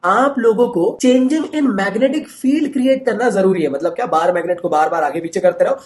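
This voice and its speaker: A man teaching physics in a lively exam-prep lecture, playful and joking, acting out scientists in funny voices. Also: sits high, normal speed, a little hiss or hum.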